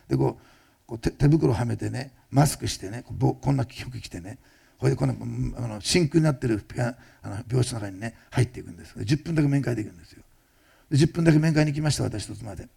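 Fast, gravelly-voiced male pastor. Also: medium pitch, dark tone. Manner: fast-talking, admits rushing; conversational, asks listeners questions. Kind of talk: sermon testimony.

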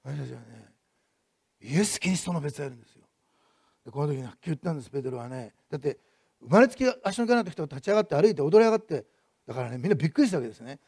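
Male pastor, quick-paced sermon delivery, swings between emphatic repetition and soft asides. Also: on the high side, animated, vocal fry, slightly rough, no room sound, clean studio sound. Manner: builds to loud emphatic repetition, then drops to soft asides.

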